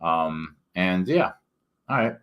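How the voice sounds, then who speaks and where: A man talking casually and haltingly to viewers as an author, his words thick from a swollen tongue and a sore mouth and throat. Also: low-pitched, animated, clear, resonant tone, lo-fi sound. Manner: halting, rambling, self-interrupting. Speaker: author and book reviewer. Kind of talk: casual solo vlog talk.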